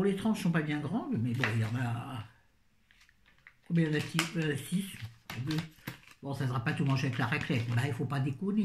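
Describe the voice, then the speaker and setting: A woman's voice: low-pitched, a little mellow, slight background noise. A middle-aged woman chatting casually through a grocery haul, rambling with self-mocking asides. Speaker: vlogger. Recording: echoey room.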